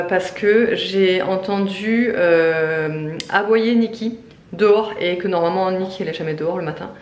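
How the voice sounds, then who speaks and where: At home indoors, a French woman in her thirties with a lowish voice does a casual to-camera product presentation for her family vlog. She's chatty but hesitant, with frequent "euh" fillers, and admits she's exhausted. Slight background noise and an echoey room come through.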